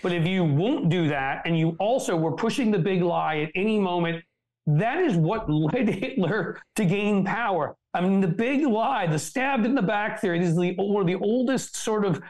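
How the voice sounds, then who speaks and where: A man's voice: high voice, lively intonation, normal speed, a little mellow, poor audio. A middle-aged man, a political strategist on a show, talking in a blunt, profane, joking way in casual political chat.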